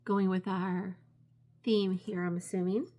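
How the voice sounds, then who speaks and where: A woman's voice: medium pitch, level tone, measured pace, mellow. A woman chatting casually in a show-and-tell craft vlog, gushing appreciatively over the things she shows. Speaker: craft vlogger.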